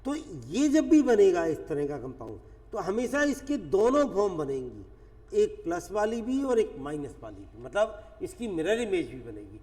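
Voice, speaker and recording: A man's voice: sits high, sing-song, moderate pace, a little mellow. A man teaching chemistry in a lecture, explaining step by step with everyday examples. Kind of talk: classroom lecture. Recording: echoey classroom, voice from a distance.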